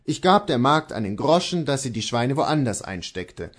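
A man reading aloud who voices a male stable servant recounting his mistreatment in a plain, lower tone. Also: big pitch swings, normal speed. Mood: aggrieved.

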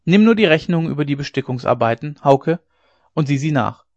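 A man voicing a blustering, gruff old dike reeve who bursts out in a booming voice. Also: lively intonation, a little fast, a little mellow, no room sound, highs cut off. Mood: scolding.

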